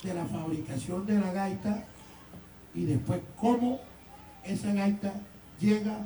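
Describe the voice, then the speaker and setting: A man with a Colombian Caribbean Spanish accent explaining instrument making in a live demonstration, step by step and haltingly, recorded on a distant mic in a roomy space. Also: high-pitched, warm tone, slight background noise. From San Juan Nepomuceno, Colombian Caribbean. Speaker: gaita musician and instrument maker.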